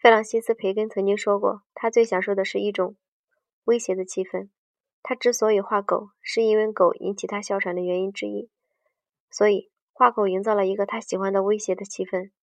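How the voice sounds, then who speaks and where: Reading from a book, this medium-pitched woman keeps faltering, starting over and fixing her words partway through sentences. The audio is dry, dull, and distant, with no echo.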